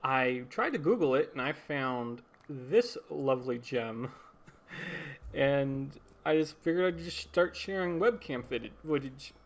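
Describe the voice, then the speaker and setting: Young male podcast host, middle-pitched, casual and rambling, self-correcting with small laughs. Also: lively intonation, slow pace. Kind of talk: casual solo podcast talk.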